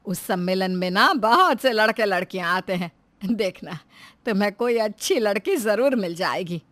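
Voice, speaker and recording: A woman voicing a caring middle-aged mother who fusses over her son in an animated moral story, speaking with an affectionate, motherly warmth. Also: medium pitch, moderate pace, no room sound, lightly acted. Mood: reassuring. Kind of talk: cartoon voice acting.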